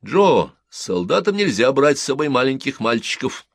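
A man reading the part of a calm army lieutenant who speaks in a measured, dry way. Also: medium pitch, vocal fry, breathy edge, no room sound, pitched above the performer's own voice, heavily acted.

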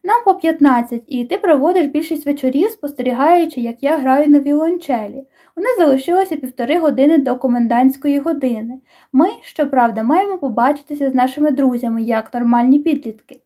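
A woman's voice: high voice, fairly quick, dark tone, natural voice. A woman voicing a sweet, shy and playful teenage girl with a teasing manner, reading audiobook dialogue.

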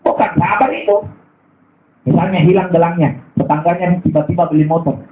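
A man preaching a sermon with a Makassar Indonesian accent, telling stories with lively voiced quotes and humor. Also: on the high side, brisk. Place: mosque or gathering hall. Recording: echoey hall, thin phone-like sound.

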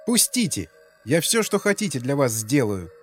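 A man's voice: medium pitch, very animated, normal speed, breathy edge, soft background music. A man voicing a desperate young woman who shrieks and begs in a crowd. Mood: shrill begging. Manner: shrieking, begging.

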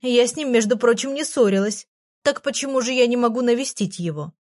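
Brief: woman doing a pert, touchy little girl fairy, lifted pitch, dry close read. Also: darkish tone, dry recording, close to an everyday voice. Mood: indignant. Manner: pert and proud, quick to take offence. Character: tiny sassy touchy female fairy. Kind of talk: audiobook character voice.

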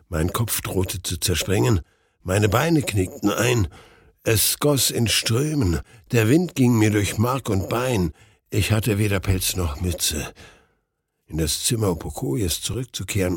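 A man narrating a story with a measured, dramatic reading. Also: mid-range voice, gravelly, slightly rough, no echo, studio quality. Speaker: audiobook narrator.

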